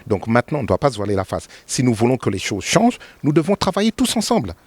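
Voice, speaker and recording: A man in his fifties from Congo, answering interview questions with many pauses and fillers, rising emphatically on key points. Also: medium pitch, huge pitch swings, a little mellow, breathy edge, no echo. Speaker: interview guest, politician.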